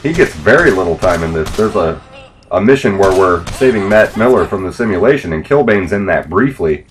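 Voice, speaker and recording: Low male voice, casual walkthrough commentator, faint noise behind. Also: expressive, brisk. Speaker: gameplay commentator. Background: quiet video game sounds.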